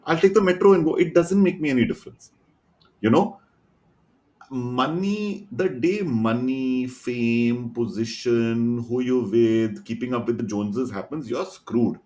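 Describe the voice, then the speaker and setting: A middle-aged man from India with an Indian accent, a podcast guest telling animated anecdotes full of quoted dialogue. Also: mid-range voice, measured pace. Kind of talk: casual storytelling chat.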